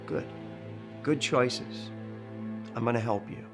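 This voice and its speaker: An actor playing a male support group leader who speaks calmly and reassuringly, in film dialogue. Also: medium pitch, slow pace, music in the background, natural voice. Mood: gentle. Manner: calm, gentle, reassuring. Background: film score.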